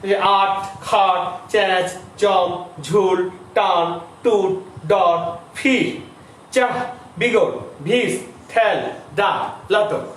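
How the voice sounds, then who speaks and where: A middle-aged man teaching a grammar lesson to school students, explaining slowly, repeating terms and asking the class questions. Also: high-pitched. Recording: distant, echoey room with faint noise.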